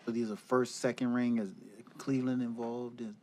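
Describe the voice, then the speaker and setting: A man's voice: medium pitch, flat delivery, normal speed, warm tone. A man questioning a presenter as a council member at a public meeting, probing and rephrasing as he goes.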